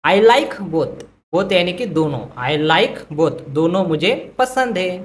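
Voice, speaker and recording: A woman teaching English vocabulary who says each phrase slowly twice and then explains it in Hindi. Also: on the low side, expressive, a little hiss or hum. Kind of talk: vocabulary lesson.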